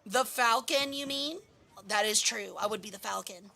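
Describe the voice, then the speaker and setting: A woman livestreaming in a cute anime-streamer manner, chatting with viewers in a bubbly, animated way and exclaiming her greetings. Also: medium pitch, normal speed, vocal fry. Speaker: VTuber streamer, host.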